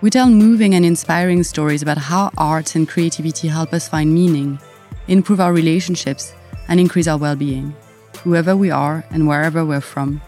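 A woman's voice: low-pitched, normal speed, mellow, soft background music. French-accented woman hosting a podcast. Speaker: podcast host. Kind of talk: scripted podcast introduction.

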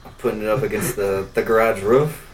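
A man chatting as a podcast guest, making jokes with short deadpan quips. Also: fairly low pitch, brisk, a little hiss or hum. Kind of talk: casual podcast chat. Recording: voice a bit far from the mic.

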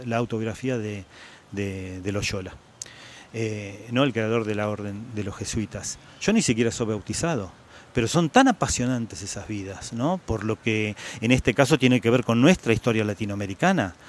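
With slight background noise around him, a sixty-something guest writer at a book fair discusses his favorite authors in a medium-pitched voice and an Argentine Spanish accent. His talk is reflective, full of hesitation sounds, and he repeats words to stress his points.

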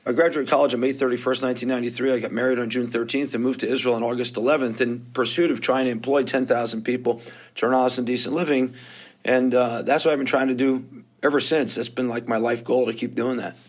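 Appearing as a podcast guest, a New York-accented investor in his fifties recounts his story openly, poking fun at himself along the way. He speaks fast in a steady, medium-pitched voice.

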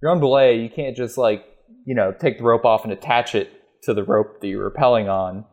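A man as a guest in a casual talk, relaxed and swearing freely as he talks through practical steps one by one. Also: mid-range voice, brisk. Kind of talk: casual chat.

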